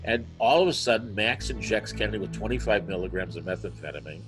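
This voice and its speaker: Man, guest author, lively storyteller, video call sound, faint music behind. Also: fairly low pitch, fast, poor audio. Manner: animated storyteller, acts out quotes. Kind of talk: conversational storytelling.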